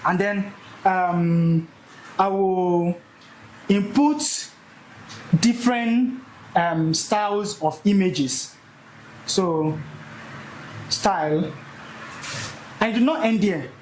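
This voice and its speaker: A young man teaching a live session, animated and repeating key words for emphasis. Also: high voice, very slow, pauses often, echoey room, a little hiss or hum, poor audio. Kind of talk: energetic classroom teaching.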